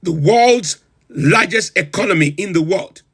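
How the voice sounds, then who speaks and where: A man hosts a comedic livestream in character as the pompous, self-styled president of a comic republic, reeling off long lists with rising emphasis and theatrical incredulity. His heavily acted voice is high, expressive, bright, and husky, moving a little slowly.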